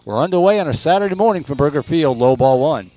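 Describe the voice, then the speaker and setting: A man's voice: lively intonation, fast talker, mellow, dry recording, lo-fi sound. A man doing live baseball play-by-play in an announcer voice. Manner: announcer voice calling pitches and plays. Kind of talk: live sports commentary.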